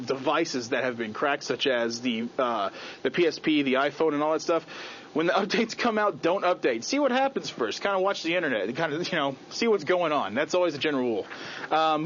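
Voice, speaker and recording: A man hosts a daily tech news videocast, reading the stories in a relaxed, chatty way with offhand asides. His voice sits a little high. The sound is dull and lo-fi, with a faint hiss under it. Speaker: news host.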